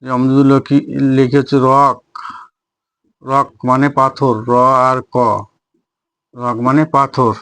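A man's voice: medium pitch, level tone, takes it slowly, pauses often, fairly bright tone, clean tone, dry recording. A man teaching pronunciation, repeating each point and checking that students follow. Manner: repetitive, addresses students directly, checks understanding. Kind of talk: slow spoken lesson, spelling words out.

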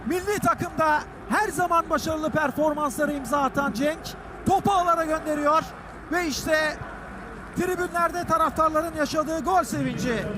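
A man doing excited live football commentary, shouting urgently and screaming goal calls. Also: extremely high pitch. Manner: shouting and urgent as attacks and goals unfold. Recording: loud stadium noise behind the voice.

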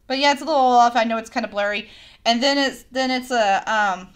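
Bubbly high-pitched young woman vlogging. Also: brisk, smooth. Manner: bubbly, gushing, chatty with viewers. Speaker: unboxing vlogger. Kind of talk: casual unboxing vlog. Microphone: phone camera.

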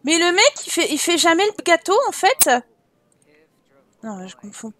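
A woman's voice: very high voice, big pitch swings, moderate pace, pushed and bright. A woman giving casual, chatty commentary while playing a life-simulation game, teasing her characters and getting exasperated. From France. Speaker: game streamer.

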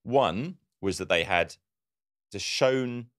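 A man co-hosts a marketing podcast in an easy, conversational way. His voice sits very low and deep, and he livens his stories by acting out the quotes. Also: takes it slowly. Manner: animated storyteller, acts out quotes. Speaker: podcast co-host. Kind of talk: casual conversational podcast chat.

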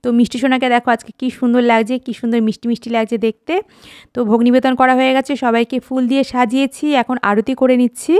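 A woman's voice: fairly high pitch, flat delivery, very fast, a little mellow, clear, resonant tone. A woman in her forties from West Bengal, narrating a chatty home vlog and talking straight to her viewers. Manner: chatty, homely, addresses viewers directly. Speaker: vlogger.

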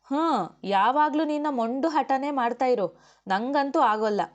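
A woman's voice: sits high, measured pace, lo-fi sound, pitched above the performer's own voice. A woman reading the part of an outspoken young woman officer and wife, firm and argumentative. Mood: arguing. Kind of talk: audiobook character voice.

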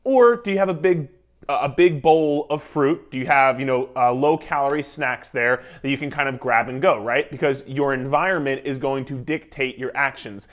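A man in his thirties, a nutrition coach, giving an energetic, emphatic talk to the camera from his living room on a lapel mic. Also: medium pitch, moderate pace. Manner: energetic, emphatic, gestures a lot while talking. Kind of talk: casual instructional talk to camera. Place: living room indoors, beside a whiteboard.

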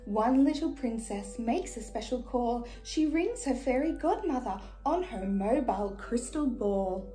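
Woman playing high-voiced Princess Aurora, storytelling. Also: a little slow. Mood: sweet storytelling. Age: young adult. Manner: animated, sing-song, enunciated for small children. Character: sweet, gracious young fairy-tale princess. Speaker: children's party entertainer reading a storybook. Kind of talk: children's storybook reading in character. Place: small decorated room indoors. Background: music.

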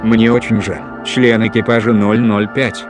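A man playing a calm, rational ship's computer in a sci-fi audio drama, formal, precise and emotionless. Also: on the low side, over music, natural voice. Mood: calm, consoling. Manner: measured, precise, emotionless announcements.

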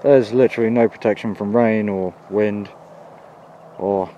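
A man's voice: fairly low pitch, fairly even intonation, unhurried, highs cut off, a little hiss or hum. A man in his twenties hosting a casual night exploring vlog, talking uneasily to his viewers on a handheld camera outdoors. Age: 20s. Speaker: vlog host. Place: outdoors in woods and open field at night. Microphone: camera mic, handheld.

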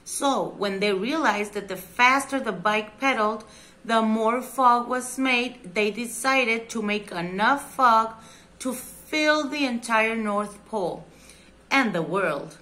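Slow, bright woman reading a kids' story. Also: fairly high pitch. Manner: slow, expressive read-aloud.

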